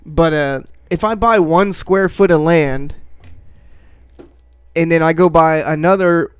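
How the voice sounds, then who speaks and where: A man co-hosting a casual podcast, with a high voice. His banter is loose, joking and crude. The sound is dry and close, with no room behind him. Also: slow, clear, resonant tone, no room sound. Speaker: podcast co-host. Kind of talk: casual chat.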